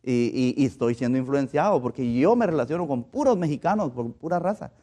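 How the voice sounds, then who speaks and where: A man's voice: mid-range voice, expressive, a little fast, warm tone. A man from Guatemala with a Guatemalan Spanish accent, giving a conversational sermon in an earnest way and often repeating words as he looks for them. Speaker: preacher.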